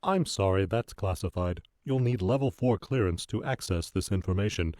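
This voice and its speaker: A man plays a secretive male spaceship computer in a sci-fi audio drama. The voice is low and dry, with officious, clipped formality. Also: moderate pace, dark tone, no echo, close to an everyday voice. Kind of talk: science fiction audio drama.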